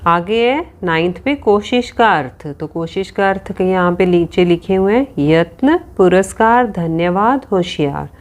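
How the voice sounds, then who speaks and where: Slow, deliberate woman teacher. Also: lowish voice, animated. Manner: slow and deliberate, spelling words out letter by letter. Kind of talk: worksheet lesson for children.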